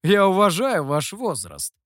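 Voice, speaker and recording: Brief: a male reader plays a calm, courteous master, measured and polite, in an audio story. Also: sits high, no echo, studio quality, exaggerated voice. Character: calm, polite master who is older than he looks.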